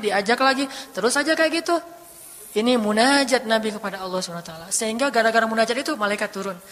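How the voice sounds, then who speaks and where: A man giving a casual, storytelling sermon that swings between soft, hushed passages and rising, emotional ones. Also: very high-pitched, in a large hall. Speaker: preacher.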